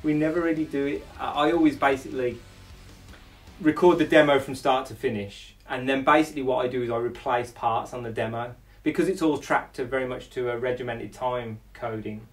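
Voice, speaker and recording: A man's voice: mid-range voice, steady tone, a little fast, recorded from a distance, soft background music, low-quality recording. A male lead singer talking casually about recording a song, rambling with lots of fillers and restarts.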